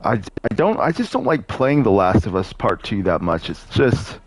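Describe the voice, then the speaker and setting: A man's voice: on the low side, big pitch swings, normal speed, no echo, soft background music. A man giving casual, rambling commentary on a game during a live stream. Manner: rambling, offhand, hesitant.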